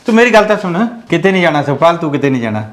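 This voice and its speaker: Man acting as a pleading village husband, Malwai Punjabi accent, slightly high voice, fast placating talk. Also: big pitch swings. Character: soft-spoken, pleading village husband and landowner. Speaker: husband in a village family drama. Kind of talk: amateur village drama acting.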